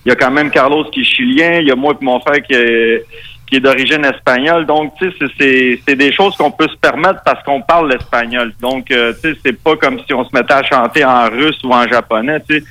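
Québécois guy chatting on the radio, bright sharp voice, lots of restarts and fillers. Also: medium pitch, fairly quick. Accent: Québécois French. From Quebec, Canada. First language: Spanish. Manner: rambling, many restarts and fillers. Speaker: metal band musician, interview guest. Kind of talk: casual interview talk. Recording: radio broadcast.

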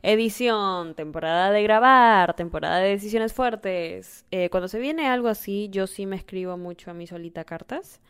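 Woman hosting her solo podcast, casual and affectionate, gets excited fast. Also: mid-range voice, smooth. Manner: gushing, affectionate, easily excited. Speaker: podcast host.

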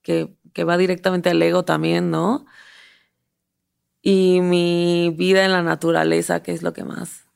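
A Mexican woman in her thirties, a comedian telling stories as a podcast guest, animated and often acting out what people said. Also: fairly low pitch, unhurried, vocal fry, smooth. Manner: animated storyteller, acts out quotes, laughs often. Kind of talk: casual storytelling interview.

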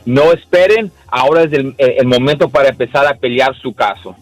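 A man's voice: mid-range voice, brisk, no room sound, faint music behind, low-quality recording. A man appearing as a legal-advice guest on a radio show, earnest and direct. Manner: earnest, direct, mixes in English. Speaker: lawyer guest.

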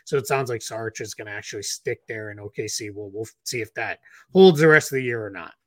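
A man's voice: on the low side, dry recording. A man with a Boston accent gives casual podcast analysis of basketball roster moves. His delivery is loose and chatty, packed with "um"s and false starts. The recording is close and dry. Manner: quick rundown with frequent fillers and restarts. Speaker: NBA analyst co-host.

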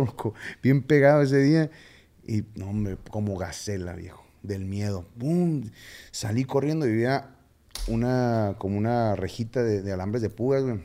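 A podcast guest with a Mexican accent tells his story in casual slang, halting with fillers. His voice is lowish and warm.

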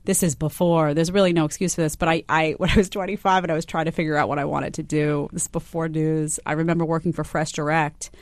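A woman's voice: deep voice, level tone, fast talker, hardly any pauses, no room sound. A woman in casual conversation, chatty and laughing as she tells stories about her early jobs. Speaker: TV news personality. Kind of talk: casual chat.

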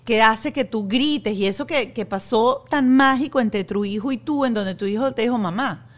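A woman's voice: fairly high pitch, normal speed. Storytelling woman host. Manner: storytelling, repeats words when searching. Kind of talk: casual chat.

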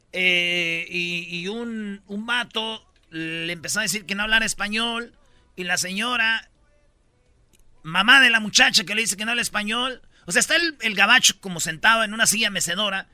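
A man hosting a comedy podcast, telling news stories in slangy, animated chat. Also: high-pitched, moderate pace, clear, resonant tone, no echo. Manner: slangy, animated storytelling with put-on quotes. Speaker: radio podcast host.

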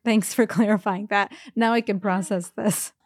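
A woman's voice: medium pitch, fairly even intonation, normal speed, no echo, clean studio sound. Wry woman podcast co-host. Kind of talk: casual comedic chat.

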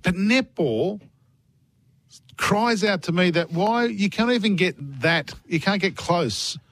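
Sports host: Australian man, highish and animated, slangy, insistent, blokey banter, dry studio. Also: slow, no echo. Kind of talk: opinionated casual banter. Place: radio studio.

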